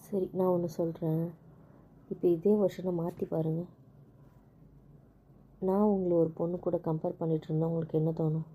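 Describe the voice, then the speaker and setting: A woman talking with her husband in a casual couple conversation, explaining things patiently and calmly. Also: lowish voice, normal speed, long pauses, husky. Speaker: wife.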